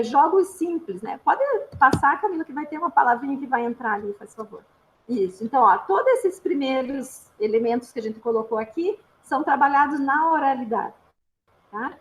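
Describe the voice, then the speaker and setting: A woman's voice: high voice, slight background noise, low-quality recording. A woman speech therapist with a Brazilian accent, giving an informal, patient explanatory talk with frequent little tag questions. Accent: Brazilian Portuguese.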